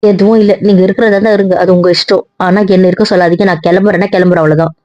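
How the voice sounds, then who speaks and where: Woman doing a stern young wife, firm scolding, quick, dry dull sound. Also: lowish voice, fairly even intonation, a little mellow, no room sound, natural voice. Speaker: angry wife in audio drama. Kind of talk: Tamil audio drama acting.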